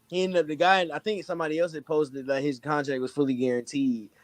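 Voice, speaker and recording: A man co-hosting a sports podcast, hoarse from screaming, telling stories in an animated, excitable way. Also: fairly high pitch, no echo. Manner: animated storytelling, fast and excitable. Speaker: podcast co-host.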